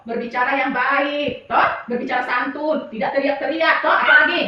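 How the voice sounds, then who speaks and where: A woman's voice: high voice, steady tone, moderate pace, muffled recording. A woman teacher leading a class of young children, coaxing answers out of them with short questions. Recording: echoey room from far off.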